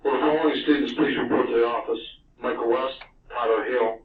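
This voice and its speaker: A man's voice comes through a school intercom, calling students to the office and reading their names one by one. The sound is thin and phone-like, and it is heard from across an echoey classroom. A clear hiss of noise sits under it. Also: mid-range voice, fairly even intonation, brisk, recorded from a distance. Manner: reads out a list of student names. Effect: school intercom loudspeaker.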